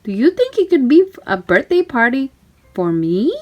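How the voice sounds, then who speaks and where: A woman's voice: a little high, sing-song, normal speed, lo-fi sound. A woman voicing a cheerful, polite male cartoon mouse for a storybook, eager and full of wonder. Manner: bright-eyed, wondering, exclamatory.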